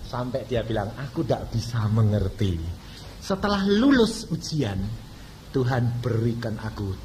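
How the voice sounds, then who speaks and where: A man's voice: medium pitch, expressive, unhurried, a little mellow, slight background noise. A male pastor from Indonesia, preaching a sermon with dramatic swings in volume.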